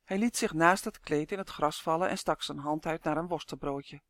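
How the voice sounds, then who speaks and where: A woman reading a children's storybook aloud with expressive, lively storytelling. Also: low voice, moderate pace, no room sound, studio quality. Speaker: narrator.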